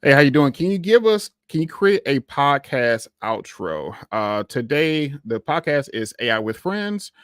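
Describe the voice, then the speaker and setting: A man's voice: mid-range voice, measured pace, hardly any pauses, smooth, no echo, studio quality. A man hosting a tech podcast, talking casually and loosely with lots of fillers. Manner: relaxed, rambling, with many fillers and restarts. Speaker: podcast host.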